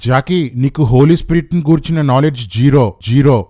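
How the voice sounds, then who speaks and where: A man's voice: medium pitch, brisk, mellow. A man giving a combative religious rebuttal, mocking his opponent and firing rhetorical questions. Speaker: commentator rebutting preachers.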